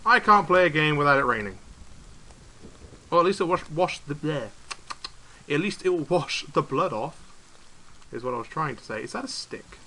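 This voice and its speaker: Excitable British man playing a game. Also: fairly high pitch, moderate pace, pauses often, slight background noise. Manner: chatty, excitable exclamations. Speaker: gaming YouTuber. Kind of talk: casual let's-play commentary. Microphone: desk mic, no camera.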